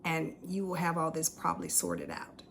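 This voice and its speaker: Middle-aged woman, low-pitched voice, casual chat, frequent laughs, faint background noise. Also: big pitch swings, moderate pace, gravelly, fairly bright tone. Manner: candid, self-deprecating, laughs often. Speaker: podcast host. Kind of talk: casual tea-time chat.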